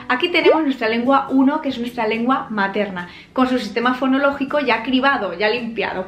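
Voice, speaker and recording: A woman with a Spanish accent from Spain, explaining a language lesson in a clear, teacherly way. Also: high-pitched, a bit bright, echoey room. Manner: clear, explanatory, laughs between points.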